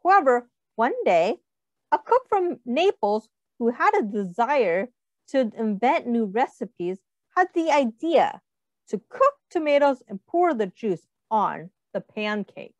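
Into a webcam, a teacher animatedly reads a picture book aloud to kids, pausing for questions and giving the characters small voices. Her voice is on the high side, and the recording is dry.

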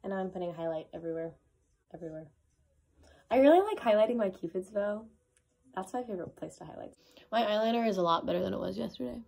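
A woman's voice: medium pitch, animated, fast, vocal fry, long pauses, a little mellow. A young woman vlogging in casual chat, chatty and giggly, filmed on her phone. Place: bus on a trip. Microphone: phone camera. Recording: crowded bus with chatter and noise.

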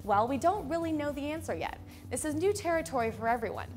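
A young woman hosting a scripted explainer in a studio, speaking clearly and upbeat into a lapel mic. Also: sits high, animated, quick pace, a little mellow, faint music behind. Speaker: host. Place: studio with a plain gray backdrop.

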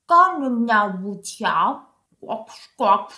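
A woman voicing a calm, helpful pond frog in a storybook, speaking low, slow and croaky. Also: exaggerated voice. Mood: advising. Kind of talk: storybook character voice.

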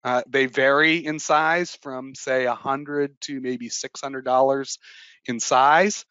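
A man giving an emphatic, energetic webinar presentation as a trading educator, with frequent fillers. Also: medium pitch, slow, clear, resonant tone, dry recording. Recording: dull, dry lo-fi webinar audio.

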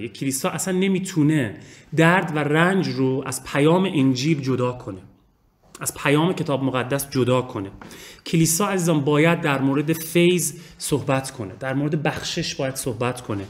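A man preaching a sermon, earnest and emphatic, repeating phrases and addressing his listeners directly. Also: mid-range voice.

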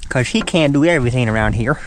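A man's voice: mid-range voice, lively intonation, fast, a crowd in the background. A man with a Southern accent hosting a fishing show, chatting in a folksy, joking way from a boat on a lake. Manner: folksy, joking, calls his buddy "son". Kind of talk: casual chat while fishing.

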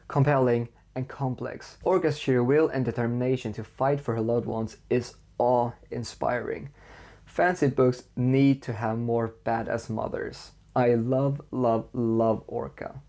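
A Faroese-speaking young man from the Faroe Islands reviews books in a scripted piece, his mellow voice sitting in the mid range. Eager yet orderly, he ticks off praise in measured steps from a room full of bookshelves.

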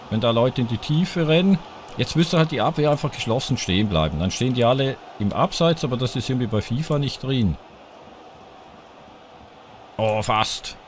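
A man commenting his football video game as he plays, his pitch leaping up and dropping down as the play swings back and forth. He reacts loudly to near misses and speaks straight to his viewers. A faint hiss sits under the voice. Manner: excitable, groans and cheers at each chance, talks to viewers. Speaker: gaming YouTuber playing a football video game. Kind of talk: live let's-play commentary.

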